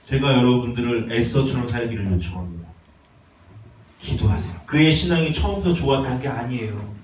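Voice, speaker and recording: A male pastor giving a sermon, swinging between loud exhortation and quiet pleading. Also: medium pitch, expressive, fairly quick, slight background noise. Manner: impassioned, swings from shouting to hushed pleading. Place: church sanctuary. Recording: echoey church from far off.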